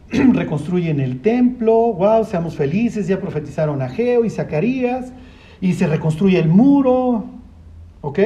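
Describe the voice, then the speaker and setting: A man leads a relaxed Bible study. His voice sits high yet sounds warm and soft-edged. He keeps throwing rhetorical questions at the group. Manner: lively, asks rhetorical questions, acts out voices. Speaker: Bible teacher. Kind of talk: conversational Bible study teaching.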